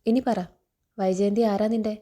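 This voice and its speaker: A woman's voice: medium pitch, little pitch movement, moderate pace, warm tone, close to an everyday voice. A woman reading a stern betrayed father. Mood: stern, probing. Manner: reproachful, probing questions. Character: stern betrayed middle-aged father figure, a man.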